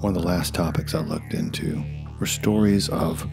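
A man's voice: extremely low pitch, normal speed, vocal fry. A man in his forties reading scripted documentary narration with wry, self-deprecating asides. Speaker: YouTube narrator. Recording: faint music behind voice. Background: faint music.

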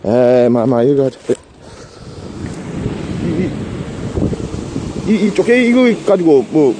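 A man's voice: fairly high pitch, sing-song, slow, noisy background. A man with a Gyeongsang Korean accent chatting casually to viewers outdoors, joking, stammering and rambling. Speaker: vlogger and live streamer. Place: outdoors in a rural garden.

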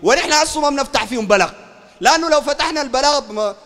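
A man with a Sudanese Arabic accent preaches in a heated polemical lecture, his voice pitched unusually high and rushing along. He argues fiercely and keeps pressing his listeners to confirm they follow. A long hall reverb trails after his words. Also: lively intonation, a bit bright. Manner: fiery, keeps asking "understand?", raises his voice. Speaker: sheikh.

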